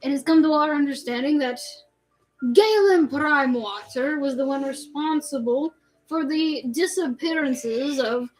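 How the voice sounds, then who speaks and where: A woman's voice: high-pitched, a little mellow, poor audio. A woman voicing a peg-legged male sea captain who stiffly addresses a town. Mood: proclaiming. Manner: stiff formal proclamation, halting.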